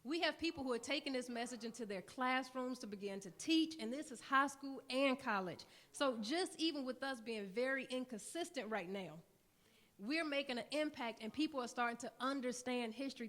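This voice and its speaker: A woman's voice: on the high side, fairly bright tone. A woman giving her remarks on a conference panel, earnest and building to rousing repeated lines before a room audience. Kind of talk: panel talk at a summit.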